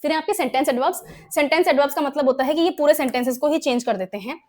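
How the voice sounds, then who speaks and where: Indian woman teacher, high bright voice, grammar lesson in Hindi and English, keeps checking understanding. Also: rapid-fire. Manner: explains in Hindi mixed with English examples, asks frequent check questions. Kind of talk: exam-prep grammar lesson.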